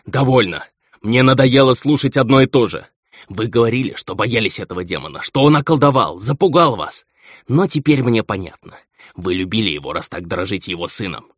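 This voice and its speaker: A man's voice: on the low side, lively intonation, brisk, husky, no room sound, pitched above the performer's own voice. A man voicing a pompous, contemptuous baron and cruel husband, on a dull, lo-fi recording. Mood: angry.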